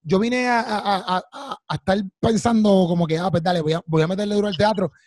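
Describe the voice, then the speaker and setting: Fast high-voiced host. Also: male voice, a little mellow, no echo. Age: 30s. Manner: eager, affirming, repeats himself. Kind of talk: casual interview chat. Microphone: studio mic with headphones.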